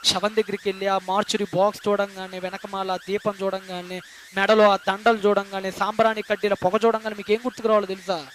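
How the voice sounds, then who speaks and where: A man's voice: sits high, flat delivery, quick pace, fairly bright tone, a little hiss or hum. A male pastor preaching a sermon, speaking emphatically and asking the congregation rhetorical questions. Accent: Telugu.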